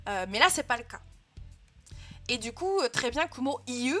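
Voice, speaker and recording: A woman's voice: a little high, animated, normal speed, fairly bright tone, faint music behind. A young woman teaching a live online language class, patiently explaining grammar step by step and checking in often with her students. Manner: patient, clear explaining with frequent "euh" and "hein" checks. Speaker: Japanese teacher.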